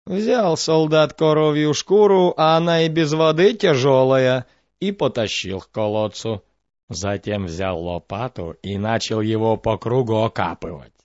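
A man telling a fairy tale in a measured, expressive storytelling voice. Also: medium pitch, no room sound, muffled recording.

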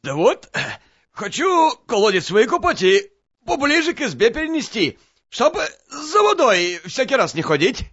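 A man's voice: extremely high pitch, huge pitch swings, fairly bright tone, slightly rough, dull audio, voice pushed up, heavily acted. A man voicing a cunning, cocky young soldier in a folk tale, speaking in a sly, teasing way. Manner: sly, teasing, quick-witted.

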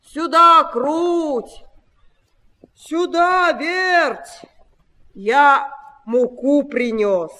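A woman's voice: high voice, takes it slowly, long reverb tail, voice pushed up. Woman doing a hardworking rooster, calling out. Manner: calling out, patient questioning. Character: hardworking patient male rooster.

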